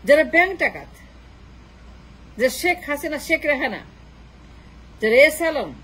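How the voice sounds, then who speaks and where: A woman's voice: sits high, sing-song, measured pace, fairly bright tone, rough recording. A woman delivering a political monologue, mocking with repeated rhetorical questions. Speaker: political commentator.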